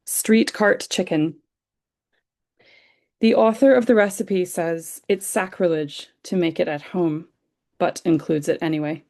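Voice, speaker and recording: Gravelly, mellow-voiced woman poet. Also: fairly low pitch, measured pace. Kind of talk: poetry reading.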